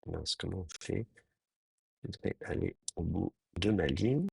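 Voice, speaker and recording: A man lecturing to a small online class, pausing often and reworking his sentences as he thinks aloud. His voice sits low and sounds husky, recorded dry and close with no room around it. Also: animated, no echo. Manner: hesitant, thinking aloud with many pauses and restarts. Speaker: teacher.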